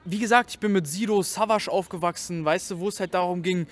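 High-voiced young German-speaking man. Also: quick pace. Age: young adult. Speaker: interviewed rapper. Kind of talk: casual interview chat with slang. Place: outdoors in a leafy park. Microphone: shared handheld interview microphone.

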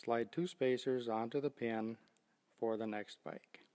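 An older man giving a steady, scripted step-by-step demonstration of loading bikes onto a rack. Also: mid-range voice, a little slow, in a large hall. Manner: steady, methodical step-by-step explaining. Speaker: product demonstrator. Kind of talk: scripted instructional narration.

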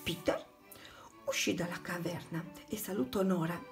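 A woman's voice: lowish voice, normal speed, gravelly, over music. A woman narrating a children's storybook, reading aloud expressively and dramatically.

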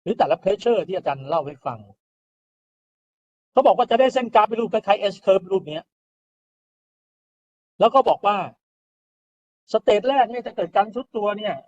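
A male lecturer walks through engineering graphs in a relaxed, step-by-step way. He often checks his listeners are following. His voice sits somewhat high, and the recording sounds dull and lo-fi, as if it came from a basic computer mic. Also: normal speed, long pauses. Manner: explains step by step, often asks "right?" and adds polite particles.

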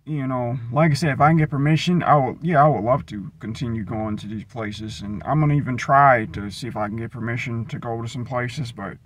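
A young adult American man vlogs casually into a handheld phone held at arm's length, rambling and trailing off as he thinks aloud. His husky voice runs a little fast with few pauses. Recorded mostly inside a van and partly in an empty mall, the audio is noisy, with vehicle rumble.

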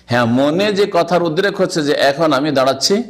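A man from Bangladesh delivers a sermon on a hadith, his voice sitting a little high. He explains step by step, often quoting Arabic and then asking his listeners rhetorical questions. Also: animated, fairly quick. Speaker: Islamic scholar giving a religious lecture.

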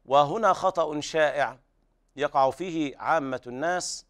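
Man, recitation teacher, smooth resonant voice, slightly high pitch, measured explanations. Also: fairly bright tone. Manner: explains tajweed rules, then slowly chants verses as examples. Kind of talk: televised recitation lesson.

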